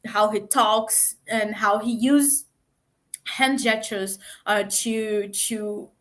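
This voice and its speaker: A woman coaching people on giving pitches, with many fillers and halting restarts, speaking as an over a video call. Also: steady tone, a bit bright. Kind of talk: online talk on pitching.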